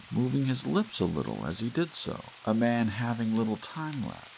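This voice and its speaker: An audiobook narrator with a low, gravelly voice reads a story softly and slowly, lingering on pauses like a gentle bedtime tale. For such a quiet read, his pitch rises and dips a lot with each phrase, and faint hiss and soft rain sit beneath the low-quality recording.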